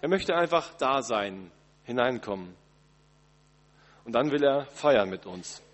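A man preaching a Christmas Eve sermon in a church, talking gently and conversationally, addressing listeners directly. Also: mid-range voice, lively intonation, unhurried. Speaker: pastor. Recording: long church reverb, slightly husky.

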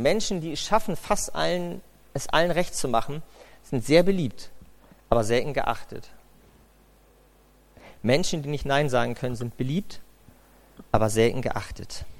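A man delivers a sermon in a somewhat high-pitched voice. He talks emphatically, asking rhetorical questions and driving his points home by repeating them. He sounds middle-aged. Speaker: preacher.

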